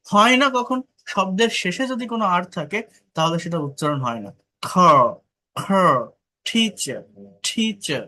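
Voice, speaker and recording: A man's voice: sits high, bright, forceful tone. A man teaching an English pronunciation lesson, who explains rules and repeats each example word several times over.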